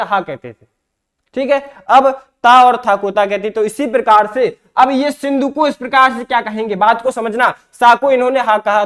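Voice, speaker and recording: A man's voice: extremely high pitch, fairly bright tone. Man teaching with self-asked questions. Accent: Hindi from eastern Uttar Pradesh. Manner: repeats himself, asks and answers his own questions. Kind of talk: exam-prep lecture.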